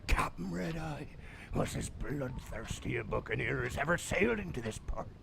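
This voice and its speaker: In a theatrical horror audio drama, an actor plays a drunk old seaman telling grim tavern tales in an ominous, theatrical style full of salty sailor phrasing. His older, gravelly, creaky voice sits mid-range and is expressive at a moderate pace, over a noisy background.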